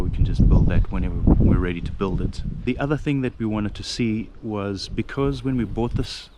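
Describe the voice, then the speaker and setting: A man's voice: low-pitched, very noisy. A man from South Africa talking casually with lots of fillers as he vlogs outdoors on his farmland. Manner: rambling, with many fillers and restarts. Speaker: vlogger. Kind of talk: casual outdoor vlog talk.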